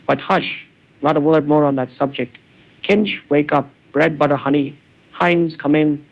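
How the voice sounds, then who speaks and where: A man's voice: a little high, steady tone, unhurried, creaky. A synthetic cloned man's voice reading the part of a boisterous, teasing young man, heard through a narrow phone-like band. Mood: hearty. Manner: hearty, teasing, theatrical.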